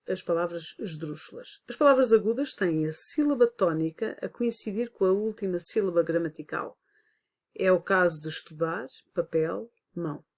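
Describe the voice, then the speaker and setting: A woman with a European Portuguese accent gives a recorded lesson as a teacher. She explains patiently, one point at a time, and pauses often on hesitant fillers. Her voice sits at a middle pitch for a woman. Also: darkish tone.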